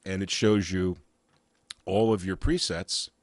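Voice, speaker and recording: A man with a cold and a raspy voice, walking through software in a casual, halting way with frequent uhs and restarts. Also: sits low, fairly even intonation, dry recording. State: has a cold. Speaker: software reviewer. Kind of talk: casual screen-share walkthrough.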